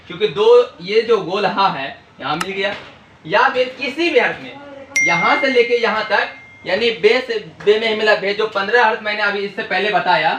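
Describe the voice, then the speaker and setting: His voice sits high with a sharp tone as he teaches a language lesson at a board. Working in call-and-response, he asks and answers his own questions, and the echoey room adds a faint hiss to the recording.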